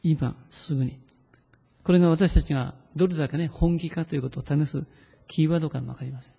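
Husky, earnest male pastor preaching. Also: on the high side, dark tone, long reverb tail. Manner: earnest, pleading, leads congregation in slow read-aloud prayer. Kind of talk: sermon.

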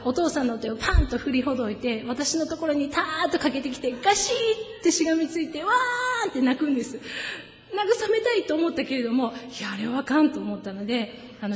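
A woman preacher, giving a sermon with gentle personal stories and slowing down for solemn points. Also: sits high, expressive. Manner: gentle storytelling, slows down for solemn emphasis. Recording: echoey hall with long reverb.

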